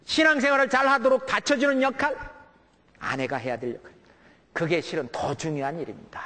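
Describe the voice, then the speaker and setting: A man's voice: high voice, a little fast, sharp tone, in a large hall. A man preaching a sermon to a congregation in a conversational way, often checking in with his listeners and acting out the voices of family members. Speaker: pastor. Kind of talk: sermon on raising children.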